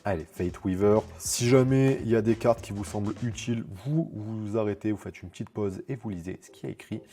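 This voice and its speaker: A man with a fairly low, mellow voice gives casual commentary as he opens booster packs. He draws out each card name, then drops into quicker, quieter rule explanations full of fillers and self-corrections. Soft music plays faintly underneath. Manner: reads card names slowly, then explains rules in a quick, low aside. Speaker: card game content creator.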